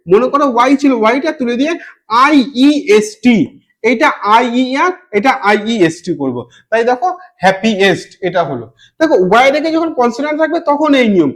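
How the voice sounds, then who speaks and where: A young man teaching an exam-prep grammar lesson, repeating each rule and spelling words out letter by letter. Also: very high voice. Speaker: English teacher.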